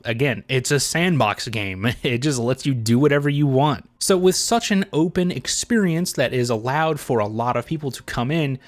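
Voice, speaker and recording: A video essay host with a mid-range voice gives casual, opinionated commentary, blunt, sarcastic and heavily profane. There's no room sound on the recording.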